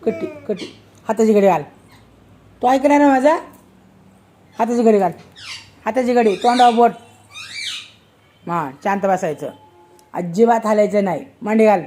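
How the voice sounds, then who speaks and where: A woman's voice: mid-range voice, normal speed, pauses often, dark tone, a little hiss or hum. A woman talking to her small daughter at home, coaxing her and giving short, repetitive commands. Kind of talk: casual home talk to a toddler.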